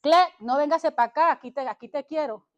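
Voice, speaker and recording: A woman's voice: sits high, brisk, muffled recording, close to an everyday voice. A woman preacher voicing Satan as a male devil who coaxes and threatens in the middle of a sermon. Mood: coaxing. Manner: wheedling and possessive, then threatening.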